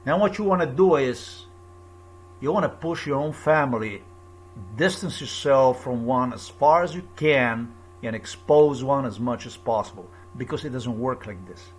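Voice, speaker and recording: A man's voice: medium pitch, normal speed. Insistent Slovenian-accented man. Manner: insistent, repetitive, lecturing. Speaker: video blogger. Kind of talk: emphatic monologue to camera.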